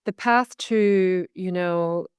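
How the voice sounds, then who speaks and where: A woman with a lowish, smooth voice talks very slowly, with no room sound in the recording. She's a Canadian medical intuitive guesting on a video call interview, and her casual talk is earnest and reflective, unfolding in long, searching phrases.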